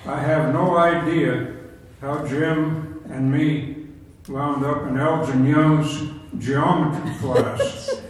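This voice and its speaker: An older man telling folksy, chuckling stories from his younger days to a group. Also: fairly high pitch. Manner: folksy, chuckling through anecdotes. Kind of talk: casual storytelling to a group. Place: large echoey room with a group. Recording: very echoey room, mic from a distance, faint noise.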